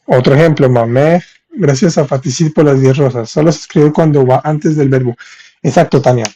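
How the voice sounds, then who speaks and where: Mellow-voiced man teaching a live class. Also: a little high. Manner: reads viewers' chat, thanks them for gifts, spells French slowly. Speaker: French teacher. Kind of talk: live-streamed language lesson.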